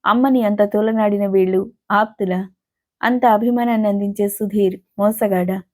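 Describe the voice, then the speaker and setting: Mellow-voiced woman narrating a story. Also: mid-range voice, fairly even intonation, normal speed.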